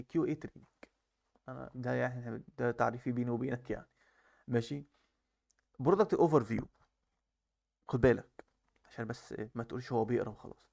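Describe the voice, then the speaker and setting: A young man with an Egyptian Arabic accent teaching software testing in a chatty way, talking straight to the viewer and mixing in English technical terms. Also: medium pitch, creaky. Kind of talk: casual screen-share lesson.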